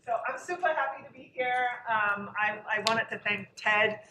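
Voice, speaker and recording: A woman's voice: a little high, moderate pace, background noise. A woman from Hong Kong and Macau, giving a casual talk to an audience, nervous and chatty with self-deprecating asides. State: nervous and over-caffeinated. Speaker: guest speaker. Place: lecture room. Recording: echoey hall, recorded from a distance.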